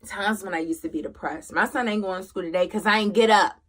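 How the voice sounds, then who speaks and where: A single mother hosts a motivational talk, speaking emphatically and repeating her phrases as she swings from loud urging to quiet confession. She has a mid-range voice and talks fast.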